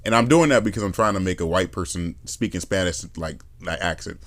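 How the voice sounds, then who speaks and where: A low-voiced man speaks briskly over a dry recording. Hosting a podcast, he rambles through ideas in lively, casual conversation, putting on accents as he goes.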